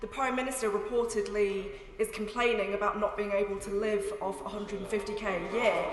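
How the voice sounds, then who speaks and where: A woman puts a pointed question in a heated parliamentary debate. Her voice sits a little high and her wording is formal. The big chamber echoes around her. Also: fairly bright tone. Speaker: member of parliament making an intervention. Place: large indoor parliamentary chamber.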